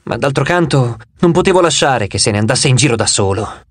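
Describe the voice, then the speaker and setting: Male audiobook narrator, animated and expressive, fairly high voice, dry studio sound. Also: a little fast, breathy edge, no echo. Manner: dramatic, animated reading. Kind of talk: first-person audiobook narration.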